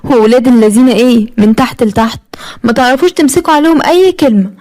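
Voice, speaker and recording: A woman in her thirties with an Egyptian accent, telling her own story in the first person. She talks very fast in a high voice, aggrieved and confiding with her listeners. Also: darkish tone. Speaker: narrator.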